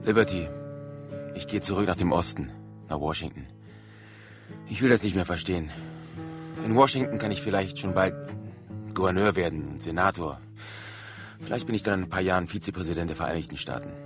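An actor playing a self-righteous frontier officer in a radio play, speaking in an indignant, pompous, reproachful way. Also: male voice, low voice, brisk, pauses often, over music.

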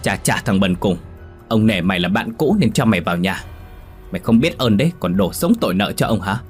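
A cruel, greedy old landlord bellowing in a harsh, domineering voice, as a male storyteller puts him on. The voice sits very low, and soft music plays under the audio-story reading. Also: expressive, brisk, close to an everyday voice. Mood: shouting angrily.

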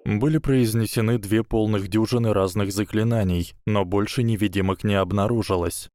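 A man narrates an audiobook with a fairly low voice in a steady, measured read. The sound is dry and close, with no room in it. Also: no room sound.

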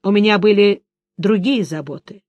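A woman's voice: medium pitch, moderate pace, a little mellow, dry recording, muffled recording, close to an everyday voice. A woman reading aloud voices a grave male monster-hunter with terse, stern speech. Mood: dry.

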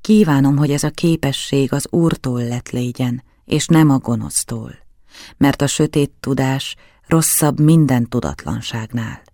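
A solemn old professor with a croaky, gravelly voice speaks in an earnest, blessing tone, as a male audiobook reader gives him voice. The sound is close and dry, with no room around it. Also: mid-range voice, mellow, no room sound, natural voice. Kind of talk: audiobook character reading.

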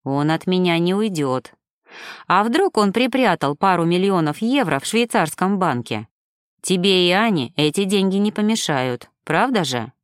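A woman reading an audiobook, voicing a tender, devoted young man in a lowered, doting voice. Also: expressive, normal speed, smooth, no echo, studio quality, close to an everyday voice.

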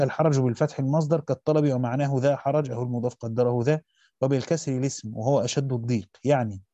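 Fast-reading Egyptian man, dull recording. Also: mid-range voice, mellow, dry recording. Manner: rapid reading with quick self-corrections and colloquial asides. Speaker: teacher reading a Quran commentary aloud. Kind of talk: fast read-through of a classical text with brief asides.

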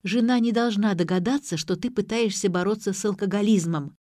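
A woman voicing a bossy, quick-tempered young woman who gives emphatic orders, in an audiobook. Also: medium pitch, darkish tone, no room sound, clean studio sound, lightly acted. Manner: emphatic, commanding.

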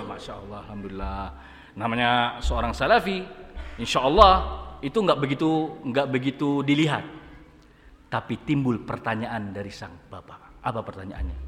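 A man's voice: medium pitch, lively intonation, moderate pace, fairly bright tone. A male preacher giving a lecture, telling a story playfully and often adding pious phrases. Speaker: Islamic preacher. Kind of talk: humorous religious lecture storytelling. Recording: echoey hall, faint background noise.

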